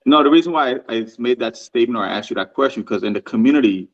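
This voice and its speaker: A man joins a live stream as a guest, easygoing as he reels off what his business does. His audio comes through dull and lo-fi, and his pitch sits in the middle. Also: rapid-fire. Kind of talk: casual interview chat.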